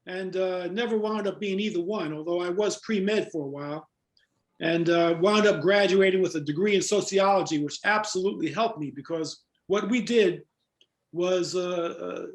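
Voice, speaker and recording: An older man with an American accent, once a club promoter and born in Jamaica before growing up in New York, looks back and explains things as an interview guest. He speaks at a moderate pace in a high-pitched voice, and the recording sounds roomy.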